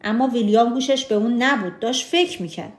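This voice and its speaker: A woman reading a picture book to children in a gentle, slow, expressive way. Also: on the high side. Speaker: storyteller. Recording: roomy echo.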